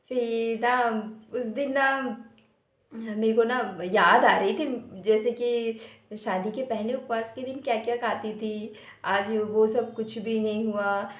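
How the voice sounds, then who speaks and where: A woman vlogger casually telling her viewers a personal story in a chatty way, sprinkling in short filler words. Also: a little high. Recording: roomy echo.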